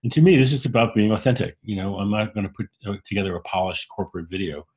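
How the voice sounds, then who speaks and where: A man's voice: on the low side, quick pace, a little mellow, husky. A man co-hosting a podcast in casual conversation, speaking candidly and earnestly as he explains his ideas. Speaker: podcast co-host.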